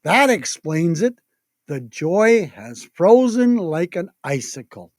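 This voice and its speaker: A storyteller acts out a jolly old man from a Christmas storybook. He is hearty and kindly, speaks slowly and sounds avuncular, in a dry recording. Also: medium pitch, big pitch swings, darkish tone, no echo. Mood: concerned.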